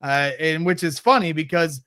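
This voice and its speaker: A man appearing as a guest on a sports podcast, talking with eager, excited enthusiasm as a fan. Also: a little high, moderate pace, clear, resonant tone, no room sound, studio quality. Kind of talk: casual sports podcast chat.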